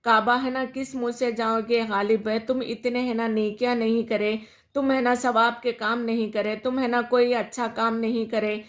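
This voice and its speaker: A woman's voice: on the high side, level tone. A woman schoolteacher, explaining poetry in a classroom lesson, asking questions and then answering them herself, with some English words mixed in. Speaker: school Urdu teacher.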